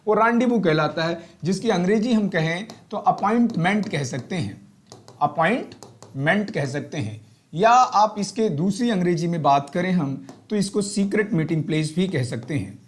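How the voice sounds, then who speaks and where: A man with an Indian English accent gives an unscripted exam-prep lesson, his voice sitting a little higher than most men's. He switches between Hindi and English, lingering slowly over English phrases and filling gaps with hesitant "uh"s. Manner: Hindi-English code-switching, slow deliberate English phrases, frequent fillers. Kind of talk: spontaneous classroom-style lesson.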